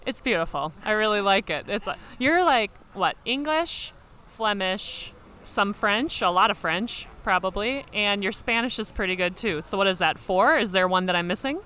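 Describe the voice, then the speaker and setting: A woman's voice: medium pitch, lively intonation, normal speed, bright, forceful tone, a little hiss or hum. A woman speaking as a podcast host, introducing and interviewing a guest. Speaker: podcast host, former pro basketball player.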